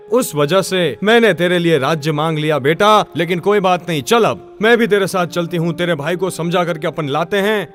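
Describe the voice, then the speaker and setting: A man voicing a remorseful middle-aged queen mother who pleads loudly for forgiveness, within a religious discourse. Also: high voice. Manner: pleading, raised and loud.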